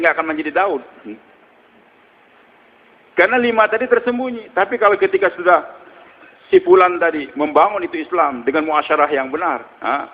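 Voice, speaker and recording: A male preacher delivering a storytelling sermon. He speaks in a high voice and keeps asking rhetorical questions. The sound is muffled and carries a long hall reverb. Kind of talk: religious sermon.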